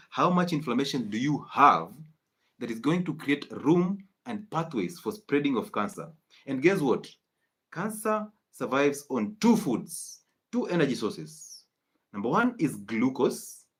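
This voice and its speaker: A man lectures his viewers in a live-streamed health talk. His pitch is middling, and his delivery is preachy and insistent, circling back to drive each point home. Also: a bit bright. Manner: emphatic, preachy, repeats key points. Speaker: health educator.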